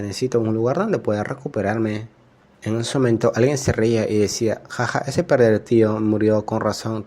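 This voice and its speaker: Guy retelling a manga plot, kinda low voice, reads everyone's lines himself. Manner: quick retelling that voices each character's lines in an even tone. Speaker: manga recap narrator. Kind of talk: storytelling recap narration.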